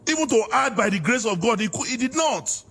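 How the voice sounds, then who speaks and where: A man's voice: very high-pitched, animated, brisk, bright, forceful tone, slightly rough. A Nigerian man arguing politics in a heated interview, fiery and preacher-like, hammering his points. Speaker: political guest.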